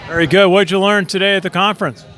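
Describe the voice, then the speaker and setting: Bright high-voiced man interviewing. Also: fairly even intonation, fast. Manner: hesitant, many "uh" fillers, brief praise. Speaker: interviewer and video host. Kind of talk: casual event interview.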